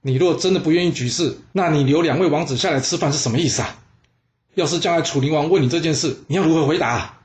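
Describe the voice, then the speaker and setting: A man's voice: a little high, fast talker, pitched above the performer's own voice, close to an everyday voice. Man doing a pushy scheming adviser. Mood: urgent. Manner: coaxing, then urgent and shouting. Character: scheming persuasive male adviser, pushy and loud.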